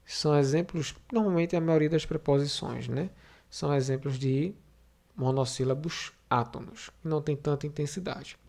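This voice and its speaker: A man's voice: fairly high pitch, normal speed, gravelly, darkish tone. A man teaching a Portuguese grammar video lesson to sixth graders, explaining step by step with recaps and frequent fillers.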